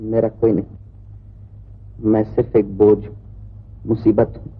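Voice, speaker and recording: Dejected stranger; husky, quiet, tinny vintage film track. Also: male voice, lowish voice, little pitch movement, unhurried. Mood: despairing. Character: despairing young man, lost and ashamed. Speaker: rescued stranger. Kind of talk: 1950s film acting. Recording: tinny old film soundtrack.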